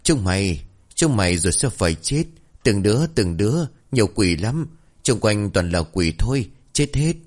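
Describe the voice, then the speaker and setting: A man's voice: fairly low pitch, very animated, normal speed, a little mellow. A man voicing a possessed woman who rants and shrieks curses. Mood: menacing. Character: possessed raving woman, wild and menacing.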